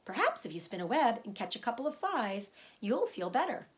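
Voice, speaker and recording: A woman voicing a kind, timid young male pig who speaks softly and earnestly. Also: fairly high pitch, very animated, brisk. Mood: concerned. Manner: soft, earnest, anxious.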